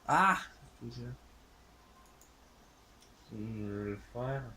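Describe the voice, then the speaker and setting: A man with a Québécois French accent talks through a game session at an unhurried, drawn-out pace. He hesitates often and fills his pauses with "euh" as he thinks aloud. A faint hiss of background noise sits under his voice. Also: medium pitch, fairly even intonation. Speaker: gaming channel host. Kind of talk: let's play commentary.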